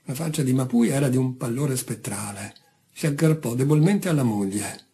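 A man reading a short story aloud, calm and measured. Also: medium pitch, husky. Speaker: audiobook reader. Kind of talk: scripted narration.

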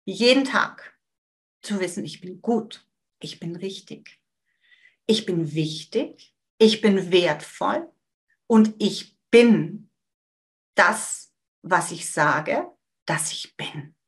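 A woman giving a motivational coaching talk to her audience. She speaks emphatically, repeats phrases, and lets sentence ends trail off quietly. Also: mid-range voice, expressive, extremely slow, pauses often. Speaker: manifestation coach.

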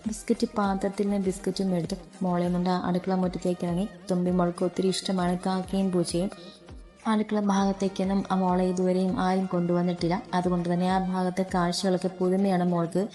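A woman narrating a story in a calm, steady reading. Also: lowish voice, brisk, faint music behind.

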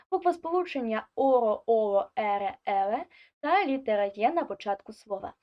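In an online language class, a female teacher with a slightly high, mildly mellow voice reads prepared explanations and carefully lists examples in turn. Her recording sounds dull and lo-fi.

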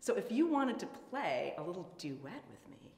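A woman's voice: on the low side, sing-song, normal speed, a little mellow. A woman flutist presenting a lesson, explaining in an enthusiastic, playful way. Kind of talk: educational presentation. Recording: echoey room with long reverb.

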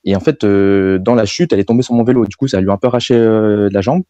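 Fast-talking young man with a dark voice. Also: lowish voice, steady tone, no room sound, lo-fi sound. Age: young adult. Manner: rambling, slangy, full of fillers. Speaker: caller telling a story. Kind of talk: casual storytelling in slang.

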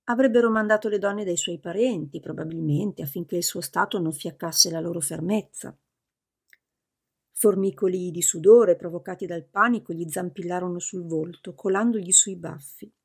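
A woman narrating a novel as an audiobook in a steady, measured reading. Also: on the low side, slightly rough.

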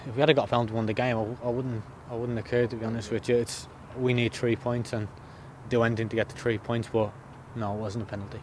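A thirty-something footballer does a post-match interview outdoors beside the pitch, speaking plainly and repeating himself as he thinks. His pitch hardly shifts, he speaks fast with few pauses, and the surroundings are noisy.

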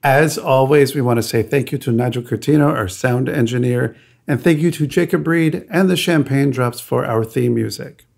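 Podcast co-host, male, gravelly voice, chatty and hesitant. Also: medium pitch, moderate pace, darkish tone. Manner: chatty, hesitant, with restarts and laughs. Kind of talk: casual chat.

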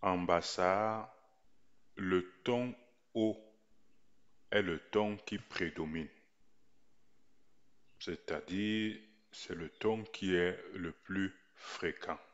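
A man teaching a writing lesson in a slow voice-over, repeating each point deliberately. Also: low-pitched, lo-fi sound. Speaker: language teacher.

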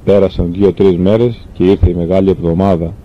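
Calm and earnest, a man narrates a classic novel, stumbling here and there. The lo-fi audio sounds dull, with a faint rumble in the background.

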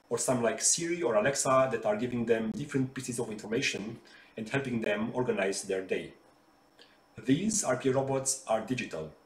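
A man whose medium-pitched voice is a little mellow teaches children in a bright living room with a sofa. He's an RPA developer giving a friendly explainer, patiently keeping it simple and gesturing with his hands. The mic sits at a distance, leaving his off-mic voice with a roomy echo.

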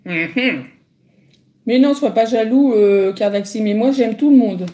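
A middle-aged woman talks on a casual phone livestream, a little higher-pitched than most women. Her voice is mellow and soft-edged, and she rambles through viewer questions with plenty of hesitant fillers. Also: measured pace. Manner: chatty, hesitant, many fillers. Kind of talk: casual live chat reading comments.

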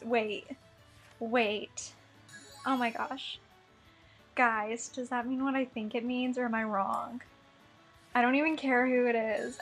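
A woman's voice: on the high side, poor audio. A young woman doing casual commentary on her gacha game pulls, bubbly and gushing, giggling and apologizing as she talks, a little under the weather. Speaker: gaming vlogger. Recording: faint background game music.

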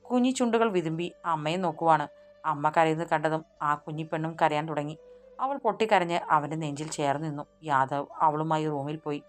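A woman narrating a romantic audiobook story in a steady, measured reading. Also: deep voice. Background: soft music.

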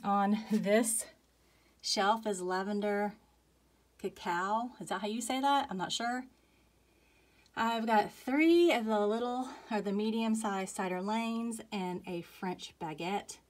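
A woman's voice: medium pitch, takes it slowly. Chatty woman. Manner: chatty, lists names one after another, fillers. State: out of breath. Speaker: candle collection vlogger. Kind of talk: casual chat, listing items.

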